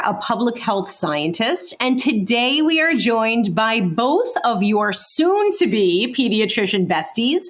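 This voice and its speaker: A woman's voice: on the high side, fairly bright tone. An American woman in her thirties from Brooklyn, hosting a podcast in a chatty, upbeat style. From Brooklyn, New York. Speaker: podcast host, public health scientist.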